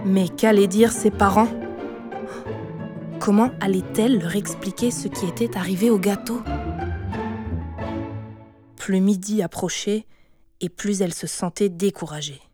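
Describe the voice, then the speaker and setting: A woman narrating a children's audiobook in a gentle, expressive reading voice. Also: mid-range voice, a little slow, long pauses, soft background music. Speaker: storyteller.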